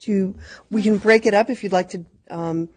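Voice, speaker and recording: A woman's voice: medium pitch, steady tone, darkish tone, dry recording. Woman chairing a formal public meeting. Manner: formal, measured procedural phrasing. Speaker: commission chair.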